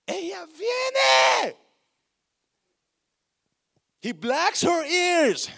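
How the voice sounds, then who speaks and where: A male pastor preaching a sermon with passion, calling out to the congregation and swinging from hushed to shouting. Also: very high-pitched, very animated, extremely slow, creaky. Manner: calls out to congregation.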